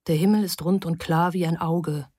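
A woman narrating a story in a calm, even, measured scripted reading. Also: on the low side, dry recording, clean studio sound. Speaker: audiobook narrator.

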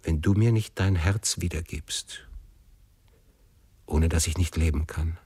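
A man's voice: a bass voice, unhurried, a little mellow, breathy edge, dry recording, heavily acted. A man voicing a remorseful young woman, pleading earnestly in a storybook reading.

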